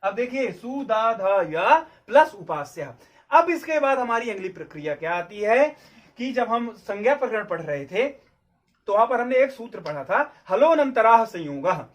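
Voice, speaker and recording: A male Sanskrit grammar teacher with a strikingly high voice works through rules at a board. He repeats key terms and keeps asking his students whether everything is clear. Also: very animated, normal speed. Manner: repeats key points and checks understanding, asking questions aloud. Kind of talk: explaining at a board.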